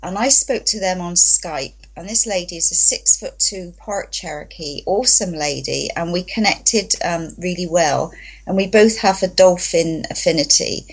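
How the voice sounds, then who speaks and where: Husky-voiced woman telling a lively story. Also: lowish voice, moderate pace, poor audio. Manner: chatty, enthusiastic, acts out quotes. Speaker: guest, voice therapy practitioner. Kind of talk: storytelling in an interview.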